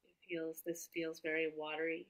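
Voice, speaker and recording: A woman with a low-set but bright, sharp voice, speaking as a client in an art therapy session. She talks haltingly, restarting phrases as she searches for the right words. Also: completely flat delivery.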